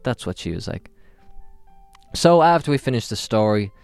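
A man, telling a rambling comic story on his podcast with deadpan asides. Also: medium pitch, normal speed, clear, resonant tone, dry recording, faint music behind. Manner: rambling, self-interrupting and deadpan. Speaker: podcast host.

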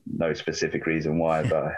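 A man's voice: a bass voice, completely flat delivery, fairly quick, poor audio. A man in his late thirties from England with a southern English accent, a book author talking over a remote line, rambling with frequent restarts and self-corrections. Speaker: author and guest. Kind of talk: remote interview chat.

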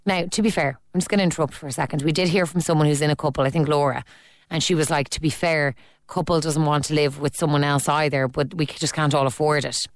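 A woman's voice: deep voice, steady tone, fast, no echo. A woman hosting a casual radio phone-in, chatty and reading listener messages aloud. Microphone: studio microphone.

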